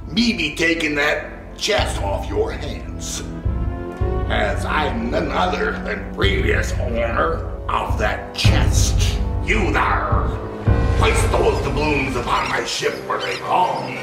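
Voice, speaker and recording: An actor playing a gruff, blustering old salt of a pirate captain with a gravelly voice and theatrical pirate growls. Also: male voice, mid-range voice, expressive, slow pace. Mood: commanding. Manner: stock pirate talk with growled arrs. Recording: roomy, loud music underneath.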